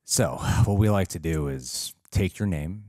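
A man's voice: sits low, unhurried, darkish tone, no room sound, clean studio sound. A young man co-hosting a reaction show, casually chatting with crude jokes and laughter. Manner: joking, crude banter with laughter. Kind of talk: casual chat.

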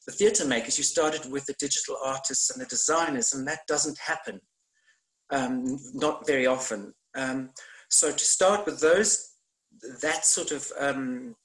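A man's voice: medium pitch, a bit bright, low-quality recording. A middle-aged man, a theatre maker, speaking on a video call panel from a room at home, thoughtful and hesitant with many fillers. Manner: gestures widely while talking. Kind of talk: online panel discussion. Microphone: laptop webcam on video call.

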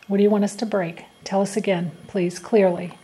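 A woman's voice: medium pitch, flat delivery, brisk, mellow, rough recording. A woman working as a paranormal investigator, politely putting short, simple questions to spirits. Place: indoor classroom at night.

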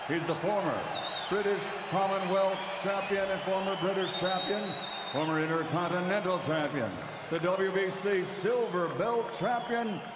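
Male ring announcer, lucha libre showmanship, raised booming voice, long arena reverb. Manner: booming showman delivery, drawing out names. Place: boxing ring in a large indoor arena. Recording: echoing arena PA, loud roaring crowd. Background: loud crowd noise.

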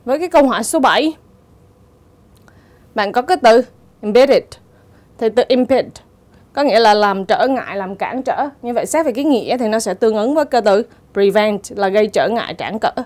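A woman's voice: mid-range voice, a little mellow. A woman teacher going through English exam answers step by step, in a methodical way. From Vietnam. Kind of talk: exam answer walkthrough lesson.

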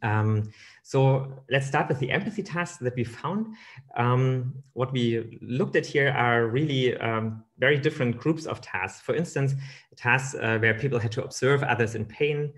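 A man's voice: mid-range voice, measured pace, fairly bright tone. Hesitant man giving a remote lecture. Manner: hesitant, many fillers and restarts. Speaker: keynote speaker. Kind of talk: academic lecture over slides. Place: indoor room, webcam.

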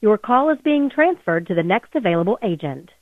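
A woman's recorded phone menu message, read out in a measured, polite, scripted way. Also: mid-range voice, big pitch swings, no echo. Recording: tinny phone line, dry.

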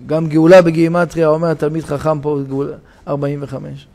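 A rabbi giving a sermon in a synagogue, telling a parable with dramatic shouts and changes of voice. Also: male voice, fairly high pitch, little pitch movement. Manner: dramatic storytelling, shouting the parable's cries for help.

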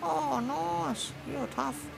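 A man voicing a meek, hard-up Australian bloke in a silly comic redub, halting, mumbling and apologetic. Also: very high voice, vocal fry, over music, full character voice. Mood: pitiful, whiny. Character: whiny, meek, hard-up bloke pleading on the street. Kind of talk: silly mismatched comic redub of distant people.

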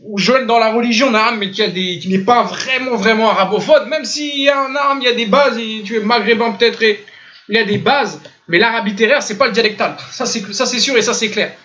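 Slight background noise accompanies a French-speaking Islamic teacher's high, bright, forceful voice as he talks fairly quickly. Teaching a religious lesson online via a computer mic in a voice chat room, he insistently demonstrates sounds to correct pronunciation, all in lo-fi audio.

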